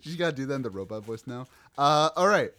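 A man's voice: mid-range voice, expressive, quick pace, fairly bright tone. A man, co-hosting a podcast in casual chat, teasing, laughing and swearing freely. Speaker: podcast co-host.

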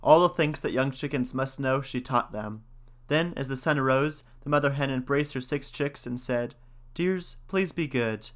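A man reading folk tales aloud in a measured, plain way and commenting on them. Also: medium pitch, a bit bright. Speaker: storyteller and commentator.

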